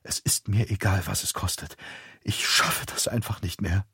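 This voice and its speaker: A man's voice: mid-range voice, lively intonation, moderate pace, no room sound, clean studio sound, natural voice. A man voicing a tired mother of the family in an audiobook, speaking plainly and matter-of-factly. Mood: weary. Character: worn-out mother of the family, near tears. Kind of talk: audiobook character voice.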